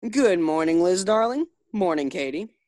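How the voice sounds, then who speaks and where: A woman's voice: on the low side, animated, normal speed, darkish tone, no echo, studio quality, lightly acted. A woman playing a distracted, affable husband with hesitant delivery in an old-time radio sitcom. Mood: cheerful. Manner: hesitant, absent-minded. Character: distracted, affable husband reading his morning paper.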